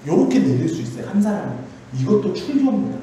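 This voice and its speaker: A man's voice: high-pitched, big pitch swings, fast, warm tone, a little hiss or hum. A male pastor giving a Friday prayer sermon in a church, explaining by asking questions and then answering them himself. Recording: very echoey church hall.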